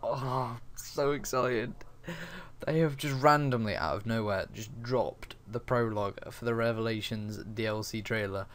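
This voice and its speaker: A young man with an average-pitched voice talks in a casual reaction-video style. He is informal and halting, often thinking aloud as a gaming YouTuber would. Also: steady tone. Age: young adult. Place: small dim bedroom, indoors.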